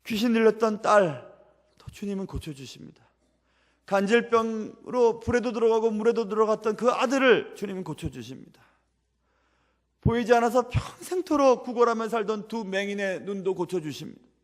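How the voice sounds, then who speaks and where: A man's voice: high-pitched, expressive, moderate pace. A male pastor delivering a sermon in a church sanctuary, preaching with an earnest, repetitive cadence. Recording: long church-hall reverb.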